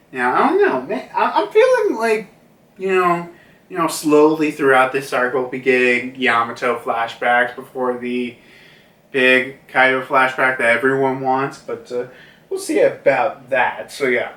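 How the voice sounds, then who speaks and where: A man's voice: medium pitch, sharp tone, recorded from a distance. A man giving a casual, rambling review, full of fillers and restarts. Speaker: manga reviewer. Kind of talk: casual commentary. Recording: roomy, a bit off mic.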